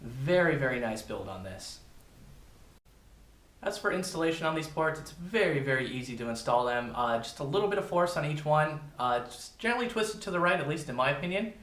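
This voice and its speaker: A man's voice: a little high, animated, a little fast, a bit bright, roomy sound. A man giving a casual, informal product review, talking directly to his viewers. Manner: informal, addresses viewers as "you guys".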